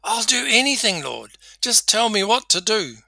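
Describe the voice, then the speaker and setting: A man voicing a panicked man clinging to a cliff branch, yelling and pleading for help. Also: high-pitched, sing-song, drawn-out words, vocal fry, dry recording, pitched above the performer's own voice, full character voice. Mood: desperate pleading.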